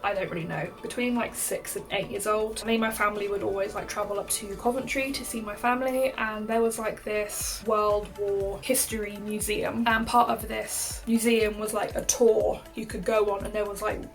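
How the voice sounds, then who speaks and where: A woman's voice: medium pitch, steady tone, moderate pace, creaky, hardly any pauses, faint music behind. A young woman, telling a story to camera in a chatty way, saying "like" a lot and laughing often. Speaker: vlogger.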